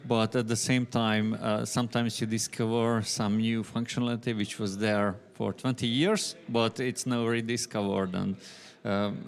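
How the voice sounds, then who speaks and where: A man from Hungary with a Hungarian accent, giving a technical conference presentation in a halting way, often pausing mid-sentence. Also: lowish voice, gravelly. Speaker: conference speaker.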